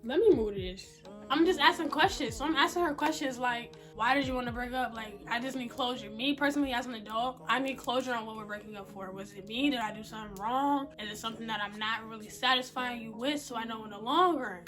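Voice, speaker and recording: Bright, high-voiced young woman venting. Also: fast talker, soft background music. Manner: blunt, animated, slangy, swears freely. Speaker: vlogger. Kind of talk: casual storytime vlog.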